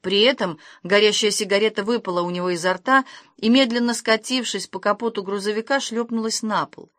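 A woman narrating an audiobook with expressive storytelling. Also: medium pitch, brisk, no echo, studio quality.

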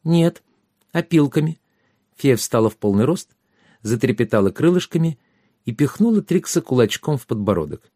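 A man reads a story aloud with an even, storytelling delivery. His voice is dark and mellow, recorded close and dry with no room sound. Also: mid-range voice, brisk, no room sound. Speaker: narrator. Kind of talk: audiobook narration.

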